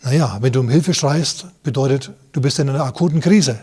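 A man's voice: mid-range voice, fairly quick, a little mellow, slightly rough. A man, a pastor, preaching a sermon. He reads Bible verses aloud, explains them, and turns to his listeners directly with rhetorical questions and asides.

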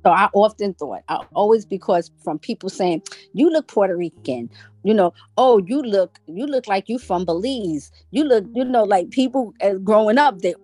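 A woman's voice: medium pitch, expressive, moderate pace, a little mellow, no room sound, soft background music. A woman from Brooklyn, telling her personal story as a guest with lots of restarts. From Brooklyn, New York. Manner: rambling, many "like" and "you know" restarts.

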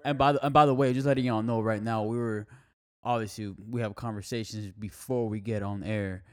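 A man's voice: fairly low pitch, steady tone, brisk. A man co-hosting a podcast with casual, slangy frat-bro banter, tossing in bro and dog constantly. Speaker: podcast co-host.

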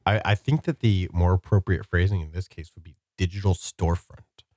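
A man's voice: low-pitched, fairly even intonation, brisk, dark tone, no echo, studio quality. A man co-hosting a casual podcast, explaining things in a wordy way and rephrasing as he goes. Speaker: podcast co-host.

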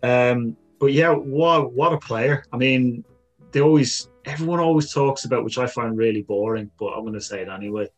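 Mid-pitched man in casual podcast chat. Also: normal speed, soft background music. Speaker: football podcast panellist.

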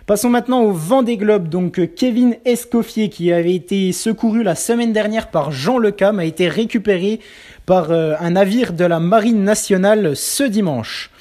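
A man giving a pre-recorded sports news roundup as a weekly columnist, reading steadily with small filler pauses. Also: sits high, mellow. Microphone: pre-recorded segment.

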